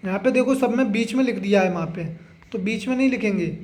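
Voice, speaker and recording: A man's voice: sits high, brisk, darkish tone. A young man teaching an exam revision lesson, running through questions and answers, often checking with "right?" and telling students to memorize. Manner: drills answers, repeats "है ना?" and urges memorizing.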